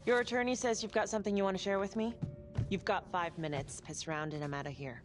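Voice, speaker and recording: A woman's voice: medium pitch, fairly even intonation, quick pace, lightly acted. An actress playing a tough, sarcastic female detective questioning a prisoner in a video game cutscene. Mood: brisk. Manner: blunt and sarcastic. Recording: game audio with loud background music.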